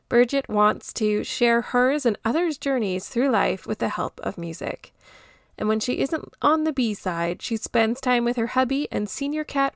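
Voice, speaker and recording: A woman hosting a podcast interview, talking in an upbeat, earnest way. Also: on the high side. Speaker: podcast host.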